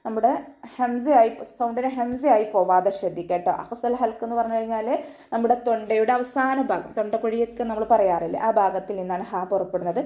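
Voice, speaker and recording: A woman teaching Quran recitation online, explaining each rule patiently step by step and then chanting the verse words slowly. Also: on the high side, fairly even intonation. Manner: patient step-by-step explanation, often ending with a soft "tto". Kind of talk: online tajweed lesson.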